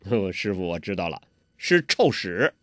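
A man's voice: low voice, big pitch swings, normal speed, a bit bright, no echo, studio quality, voice pushed down. A man voicing an earnest, simple-hearted young male disciple who speaks plainly and respectfully.

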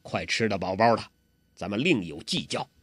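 Give us a crafty old beggar master, as a man puts him on, gruff and coarse, scolding and chuckling in a low, hushed, husky voice, drier than a room would make it. He swings from muttered schemes to loud mockery. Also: expressive, normal speed, no room sound, clean studio sound. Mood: gruff, scheming. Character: old male beggar martial arts master, gruff and mischievous.

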